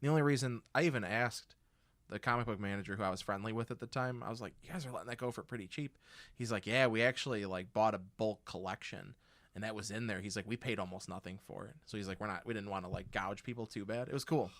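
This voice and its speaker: Man, lowish voice, laid-back, trails off, casual chat, dry close sound. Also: quick pace, a bit bright, dry recording. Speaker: podcast co-host.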